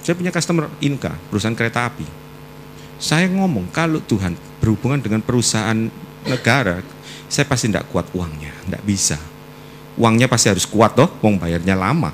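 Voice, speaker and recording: A man preaching a sermon with personal testimony, swinging between loud exhortation and soft, prayerful asides. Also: lowish voice, lively intonation, normal speed, slight background noise.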